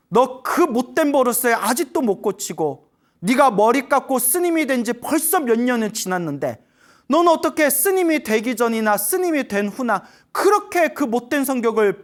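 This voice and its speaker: A woman taking on a stern senior male abbot, scolding harshly in front of the whole temple. His voice sits fairly high and swings widely as he reprimands the monk.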